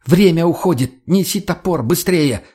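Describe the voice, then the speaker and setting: A bossy, swearing young woman, raised high and loud in a husky voice, as a male reader puts her on. She snaps commands with urgent force in a storybook reading. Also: fairly quick. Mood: urgent, yelling. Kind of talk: audiobook character voicing.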